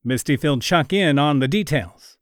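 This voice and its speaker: Calm male storybook narrator. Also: on the high side, normal speed, dry recording, studio quality.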